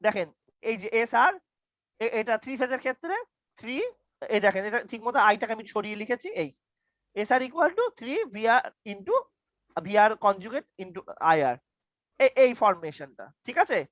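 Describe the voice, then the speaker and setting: A man's voice: high-pitched, expressive, moderate pace, long pauses, a bit bright, dry recording. A young man teaching an online university lecture over a video call. He stammers, repeats his questions and quizzes his students. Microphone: computer mic on a video call.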